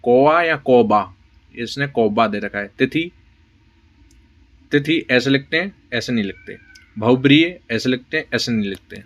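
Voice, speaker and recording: A man teaching an exam-prep lesson, briskly listing words and checking in with his students. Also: medium pitch, fairly bright tone. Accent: Rajasthani Hindi. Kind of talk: spoken lesson for exam preparation.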